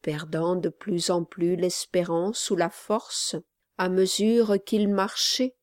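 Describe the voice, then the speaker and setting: A French woman narrating a classic novel as an audiobook, calm and measured. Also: on the low side, dry recording, clean studio sound. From France. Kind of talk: scripted narration.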